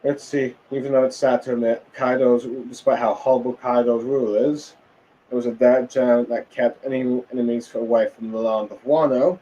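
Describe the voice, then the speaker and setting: A man's voice: medium pitch, fairly even intonation, moderate pace, dark tone, highs cut off, slight background noise. A tired man casually recapping a comic chapter, rambling with many fillers and restarts. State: tired, yawning. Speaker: manga reviewer.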